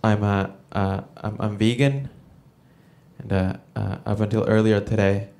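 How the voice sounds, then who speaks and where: A man from El Salvador doing a stand-up comedy set, with a halting delivery full of fillers and restarts. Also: lowish voice, flat delivery, creaky, a little mellow. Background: audience laughter.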